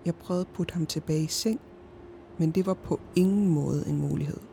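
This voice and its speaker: A woman narrating a horror story in the first person, in a slow, hushed and often whispered voice. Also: low-pitched, vocal fry, a little hiss or hum.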